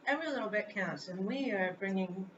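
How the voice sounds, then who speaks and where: A woman's voice: mid-range voice, expressive, fairly quick. A woman in her thirties, co-hosting a live vlog, chiming in with short remarks in a casual comic chat. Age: 30s. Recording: distant mic, dull lo-fi sound, clear hiss.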